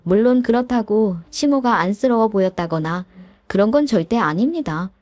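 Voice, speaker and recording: A woman's voice: medium pitch, animated, moderate pace, a little mellow, dry recording. Cold-voiced woman narrating a story. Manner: cold, cutting delivery.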